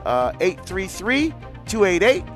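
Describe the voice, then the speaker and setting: A man's voice: sits high, huge pitch swings, a little slow, faint music behind. Earnest Barbados-born man hosting radio. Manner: earnest, warm storytelling with frequent restarts. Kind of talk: live call-in radio talk.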